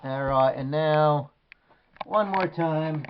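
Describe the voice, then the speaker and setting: A man's voice: on the high side, slow, muffled recording, heavy background noise. A man reviewing an action figure in a casual, rambling way with many hesitations. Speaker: toy collector reviewer.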